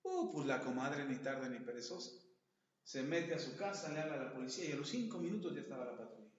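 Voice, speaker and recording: A man's voice: medium pitch, quick pace. A man preaching a sermon, telling stories in a conversational way and asking the congregation questions, in a church hall. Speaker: pastor. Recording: echoey hall, dull sound.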